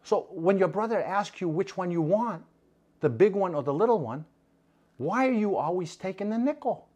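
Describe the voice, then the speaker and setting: A man voicing a patient father who speaks softly and coaxingly to his daughter. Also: sits high, animated, normal speed, muffled recording, pitched above the performer's own voice. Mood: gentle.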